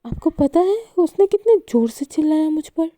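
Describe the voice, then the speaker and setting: A woman voicing a gentle, timid young woman who talks softly and placatingly, at times flustered, in a spoken love story. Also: high voice, lively intonation, moderate pace, dry recording, studio quality, pitched above the performer's own voice. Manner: soft and placating, sometimes flustered.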